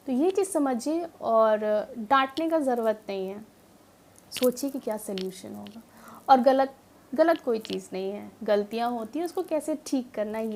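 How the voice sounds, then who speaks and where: A woman with a bright, high voice explains reading to parents and teachers in an earnest, patient way. She pauses on fillers and drops English words into her sentences. A faint hum of background noise sits under the voice. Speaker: educator.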